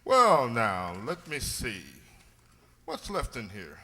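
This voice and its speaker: A man playing an excitable, earnest doctor, the detective's loyal sidekick in a radio mystery, given to exclamations. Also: medium pitch, takes it slowly, exaggerated voice. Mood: subdued, genial. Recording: long hall reverb.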